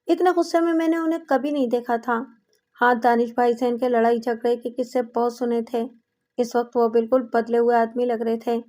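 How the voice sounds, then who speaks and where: A woman with a high voice reads a crime story aloud in a dramatic storytelling manner. Her delivery is that of scripted audiobook narration. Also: flat delivery, darkish tone.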